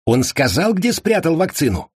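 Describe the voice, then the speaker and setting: Man doing a shrill panicky man, frantic, very high voice. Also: sing-song, moderate pace, darkish tone, slightly rough, dry recording, studio quality, full character voice. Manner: shrieking, frantic.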